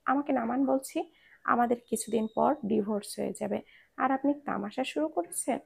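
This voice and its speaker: Lady reading as a scared, stubborn young wife, high and gravelly, begging and scolding. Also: normal speed, darkish tone, exaggerated voice. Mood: indignant. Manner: pleading, indignant. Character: young bride, stubborn and frightened.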